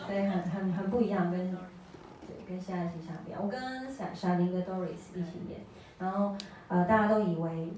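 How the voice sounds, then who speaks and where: A woman's voice: lowish voice, dark tone. A young woman and singer-songwriter chatting casually between songs at a live gig in a small cafe, self-teasing and laughing between phrases. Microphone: vocal mic on a stand, heard from the room. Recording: very echoey, from far off, faint noise.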